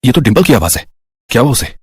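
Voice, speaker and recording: A woman voicing a shy, uneasy young husband in a storybook tale, speaking in a lowered, husky voice. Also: big pitch swings, fast, dry recording, exaggerated voice. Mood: worried. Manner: hesitant, then stern. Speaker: narrator voicing a character. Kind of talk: storybook narration.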